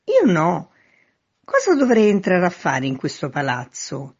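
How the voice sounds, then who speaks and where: A woman voicing a stubborn, literal-minded man who shouts up at a window. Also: on the low side, huge pitch swings, measured pace, husky, highs cut off, voice pushed up, exaggerated voice. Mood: shouting.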